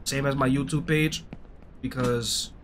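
A man's voice: mid-range voice, fairly even intonation, measured pace, fairly bright tone, a little hiss or hum. A young man giving casual, slangy gameplay commentary, grumbling in frustration and swearing as he goes. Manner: slangy, swearing, often addressing listeners as bro. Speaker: gaming streamer. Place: indoor streaming setup.

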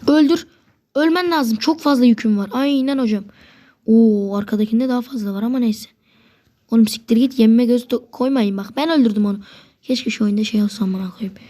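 A woman gamer with a fairly quick, higher-than-average voice gives live gameplay commentary. Excitable, she swears a lot, talks to and curses at opponents, and gets worked up, though at times she drops to a whisper.

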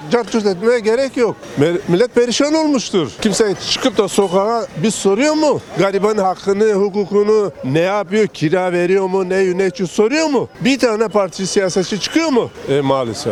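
A man's voice: high-pitched, expressive, normal speed, few pauses, a little mellow, a little hiss or hum. A man in a street interview outdoors, speaking emphatically and challengingly, throwing questions back. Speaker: passer-by being interviewed. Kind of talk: informal street interview answers.

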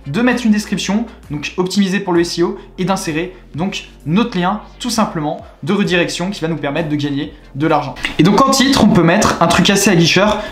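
A young French man giving a chatty, upbeat screen-recorded tutorial walkthrough, full of repeated filler words. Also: sits high. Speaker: online money-making tutorial host. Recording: echoey room.

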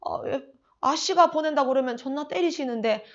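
Teacher doing a scared little maid, quiet stammery voice, muffled audio. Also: female voice, high-pitched, a little fast, close to an everyday voice. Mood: timid. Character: timid young maidservant Gaehwa.

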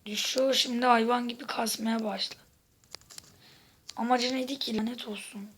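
A woman giving casual gameplay commentary, exasperated, swearing and shouting out at the game while chatting to her viewers. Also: a little high, steady tone, normal speed, husky. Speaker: gaming video host.

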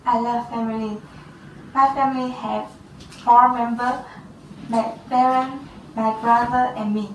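A teenage girl with a Vietnamese accent taking an English speaking test, halting and hesitant with restarts. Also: fairly high pitch, fairly even intonation, a little hiss or hum. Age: teens. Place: small classroom office, indoors. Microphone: far camera. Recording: roomy, distant camera sound.

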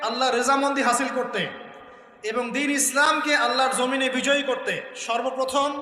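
A man's voice: very high voice, bright, forceful tone. A man preaching a sermon to a live audience, emphatic and full of rhetorical questions and repeated lists. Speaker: Islamic preacher. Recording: echoey hall with long reverb.

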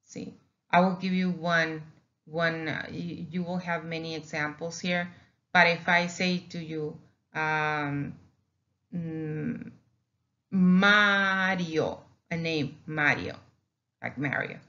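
A woman's voice: low-pitched, level tone, takes it slowly, fairly bright tone, lo-fi sound. A woman, a teacher narrating a lesson over slides, who patiently repeats each sound for learners. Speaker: Spanish teacher.

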